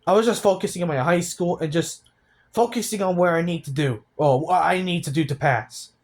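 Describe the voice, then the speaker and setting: Young man, eighteen, fairly high voice, personal vlog, halting, downcast, many restarts. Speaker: vlogger.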